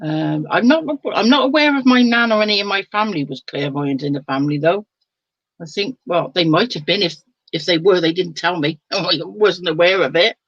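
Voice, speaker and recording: A woman's voice: lowish voice, fairly quick, a bit bright, dry recording, dull audio. An older woman hosting a casual live stream from home, chatting with viewers, reading their comments aloud and laughing often. She sounds sleepy and yawns now and then. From England. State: sleepy, yawning.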